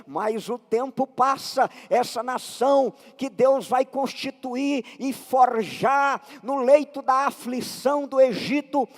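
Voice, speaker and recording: A Brazilian pastor with a slight cold preaches in a high, ringing voice, slow and deliberate. His sermon swells into impassioned shouts. The sound carries the long reverberation of a large church hall. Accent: Brazilian Portuguese.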